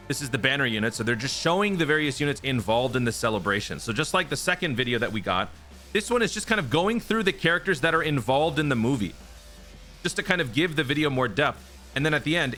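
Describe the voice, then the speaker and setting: A man who hosts a YouTube gaming channel casually goes through teasers and speculates, chatty and explanatory, often checking in with "right?" His mid-range voice sounds pushed and bright, and his first language isn't Japanese.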